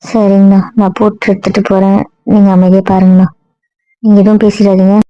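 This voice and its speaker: A woman playing a blunt, fast-talking young woman. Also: mid-range voice, level tone, dark tone, dry recording, natural voice. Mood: calm. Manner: quick, blunt, scolding. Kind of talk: web serial acting. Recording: dry dull lo-fi sound.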